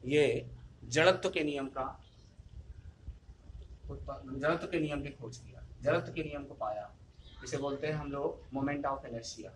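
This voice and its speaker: A man's voice: mid-range voice, unhurried, pauses often, noisy background. A male physics teacher giving a recorded lesson, who keeps repeating his points and asking questions that he then answers himself. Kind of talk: classroom lesson video.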